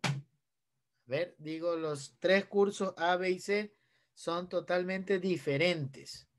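High-voiced Ecuadorian man teaching a class. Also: slow pace. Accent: Ecuadorian Spanish. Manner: explanatory, asks students questions. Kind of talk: online class lesson.

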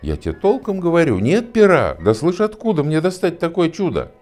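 A man's voice: on the high side, wildly swooping pitch, a little fast, darkish tone, soft background music, voice pushed up. A man in his sixties voicing a simple young peasant lad who makes excuses and pleads. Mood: protesting. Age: 60s.

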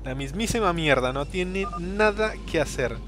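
A man's voice: fairly high pitch, expressive, normal speed. A young Latin American man in a home room, commentating a strategy game replay on a headset, mocking and rambling with many fillers. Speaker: gameplay commentator.

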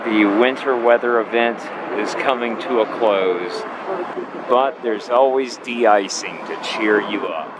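Slow-talking man over loud aircraft noise. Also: medium pitch. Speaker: plane spotter filming. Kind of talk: casual running commentary. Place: outdoors near an airport. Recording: loud outdoor aircraft roar.

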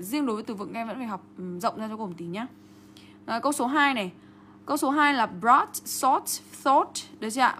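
Young teacher lady with going thru test answers, keeps asking "got it?", slight background hiss. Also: fairly high pitch. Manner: lively, checks in constantly with rhetorical questions. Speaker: English teacher. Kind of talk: exam answer walkthrough lesson.

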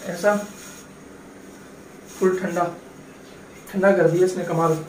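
Slow and high-pitched, with a darkish tone and little movement in pitch, a young vlogger from Pakistan chats easily with his audience and calls them "brother." He starts in his kitchen making a shake and ends up in a car at a drive-through. Recorded on a noisy handheld phone.

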